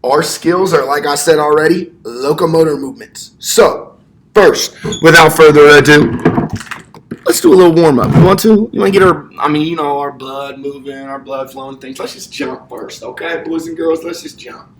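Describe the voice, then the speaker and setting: A young adult man, an elementary P.E. teacher, leads children through exercise in an indoor classroom like a kids' show host, moving around as he gives simple repeated cues and questions. His voice is fairly high, slightly bright and at normal speed. A distant camera mic makes the sound roomy with faint noise.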